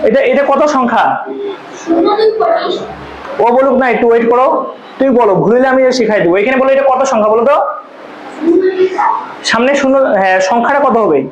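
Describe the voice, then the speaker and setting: Man, math tutor, high voice, quick, echoey room, dull lo-fi sound. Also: noisy background. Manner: questioning students, repeating answers. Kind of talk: classroom teaching. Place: tuition classroom.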